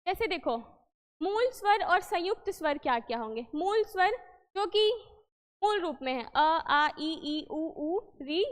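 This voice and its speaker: A woman's voice: very high-pitched, lively intonation, a little slow, in a large hall. A woman teaching a Hindi lesson for exam preparation, explaining patiently, repeating points and quizzing the listener.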